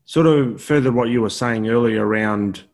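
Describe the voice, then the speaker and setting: A man's voice: medium pitch, normal speed. A man hosting a conversational podcast interview, speaking earnestly in wordy, hesitant phrasing. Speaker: podcast host interviewing a guest.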